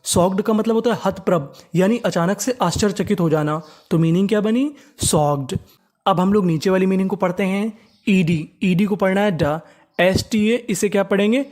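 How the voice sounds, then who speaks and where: A teacher giving a spoken lesson on reading English words. The teacher spells each word out, asks a question and answers it, and slowly repeats each new word several times. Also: medium pitch, a little mellow. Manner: asks questions of the viewer and answers them, drill style.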